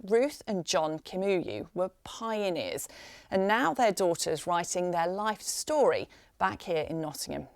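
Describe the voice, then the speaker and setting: A woman presenting the news, reading a scripted studio introduction crisply. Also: fairly low pitch, sing-song, unhurried, no echo.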